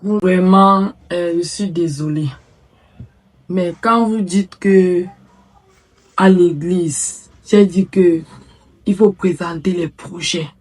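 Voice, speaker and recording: A woman's voice: lowish voice, fairly even intonation, takes it slowly, long pauses, a little mellow. An actress playing a pastor who apologetically explains what she told her congregation. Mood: apologetic. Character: pastor answering a church member.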